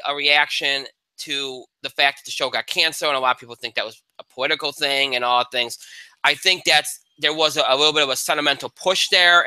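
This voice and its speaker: A man's voice: fairly high pitch, sharp tone, smooth, dry recording, poor audio. A man hosting a casual talk show, analyzing award winners in a rambling way with many restarts. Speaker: podcast host. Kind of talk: casual chat.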